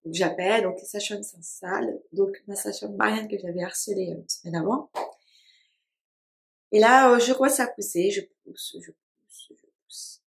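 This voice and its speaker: A woman in her twenties recounting a personal story, speaking haltingly with many fillers and restarts. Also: mid-range voice, creaky. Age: 20s. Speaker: vlogger. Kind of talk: casual storytelling to camera.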